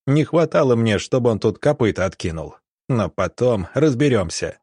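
A man voicing a gruff, quick-tempered army ensign who scolds and threatens. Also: mid-range voice, big pitch swings, a little mellow, no room sound, clean studio sound.

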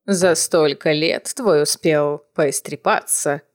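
A woman voicing a cruel, imperious old witch matriarch in a storybook reading, speaking slowly and low. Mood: cold, commanding.

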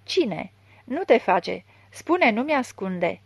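A woman's voice: fairly high pitch, sing-song, creaky, dry recording, heavily acted. A woman reading a hot-tempered boyar. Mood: demanding. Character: threatening, angry boyar man in a prison camp.

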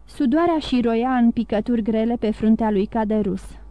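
A woman reading a classic novel aloud as an audiobook narrator, in a steady, measured way. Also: on the high side, no echo. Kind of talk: scripted narration.

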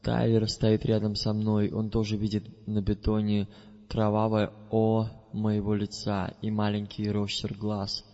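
A man reading a first-person audiobook in a measured, deliberate way. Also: on the low side, monotone, dark tone. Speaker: audiobook narrator. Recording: dull recording with long reverb.

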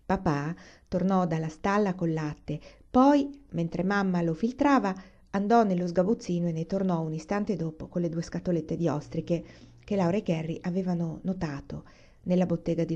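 A woman reading a children's novel aloud in a calm, unhurried storytelling manner. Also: lowish voice, dull audio. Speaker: reader.

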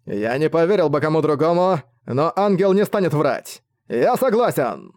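A man's voice: on the high side, sing-song, moderate pace, darkish tone. A man doing a greedy roaring dragon mage. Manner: roaring, contemptuous.

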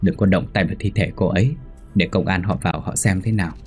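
A man's voice: deep voice, fast talker, husky, soft background music. A man voicing an older male neighborhood leader who gives firm orders in a ghost story reading.

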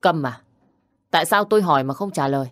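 A woman's voice: lowish voice, brisk, natural voice. A woman voicing a pregnant young wife who pleads and defends herself in an audio story. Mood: pleading.

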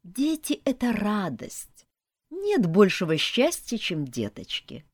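A woman's voice: fairly high pitch, wildly swooping pitch, takes it slowly, pitched above the performer's own voice, full character voice. A woman reading an audiobook voices a fussy middle-aged mother who scolds and insists. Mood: doting.

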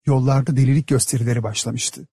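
A man narrating a satirical story as an audiobook, in a steady, measured storytelling manner. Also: mid-range voice, creaky, slightly rough, dry recording, studio quality.

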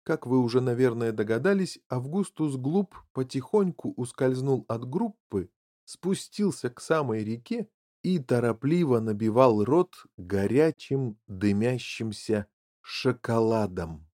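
Field: story. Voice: expressive man narrating. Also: mid-range voice, no room sound, studio quality. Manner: expressive, measured. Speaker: audiobook narrator.

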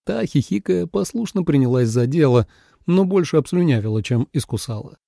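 A man reads a fantasy audiobook, his pitch moving freely across a lively range. His voice is mellow and gravelly, recorded dry and close to the mic. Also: moderate pace, no room sound. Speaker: narrator. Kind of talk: audiobook narration.

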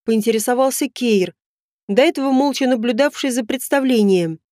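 Brief: female audiobook narrator, steady read, slightly high pitch, dry studio sound. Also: normal speed, dry recording. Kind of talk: scripted first-person narration.

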